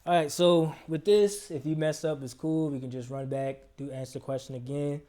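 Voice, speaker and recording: A man's voice: a little high, fairly even intonation, moderate pace, dark tone. A man hosting a casual interview in a recording studio, asking easygoing, loose questions. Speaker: interview host.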